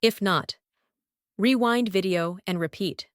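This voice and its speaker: Slow, deliberate Lithuanian-accented woman teacher. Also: medium pitch, no echo, clean studio sound. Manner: slow, deliberate, says each word several times. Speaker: English pronunciation teacher. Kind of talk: pronunciation lesson, repeating example words.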